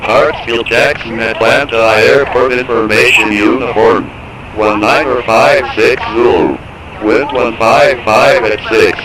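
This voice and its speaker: Flat automated airport weather broadcast. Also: male voice, mid-range voice, measured pace, over a noisy crowd, poor audio. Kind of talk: monotone recorded information readout.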